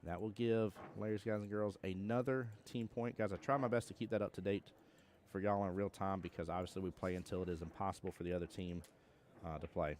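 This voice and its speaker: A man's voice: low voice, steady tone, brisk, a little mellow, a little hiss or hum. A young man from Georgia with a Southern accent, commentating a pool tournament on a live stream and chatting with viewers in a joking, laid-back way. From Georgia, USA. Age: young adult.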